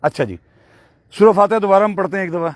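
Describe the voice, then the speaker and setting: A man teaching Quran recitation, patiently correcting a student and slowly modelling each word. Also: high-pitched, no room sound, studio quality. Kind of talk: tajweed lesson correcting a student.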